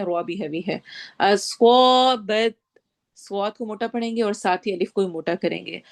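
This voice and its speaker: A woman teaching tajweed, reciting Quranic verses slowly and drawn out, then explaining each rule in brisk Urdu with a Pakistani accent. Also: medium pitch, a little mellow. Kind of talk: tajweed lesson, slow chanted recitation between quick spoken explanations.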